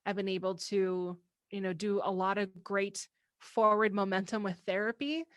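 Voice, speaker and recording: A woman in her mid-thirties hosts a casual podcast chat. She talks openly and at length, laughing now and then. Her voice sits in a middle pitch, recorded close and dry with no room sound. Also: fairly even intonation, normal speed, no echo. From American Midwest. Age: 30s. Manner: candid and talkative, with frequent laughs. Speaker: podcast host.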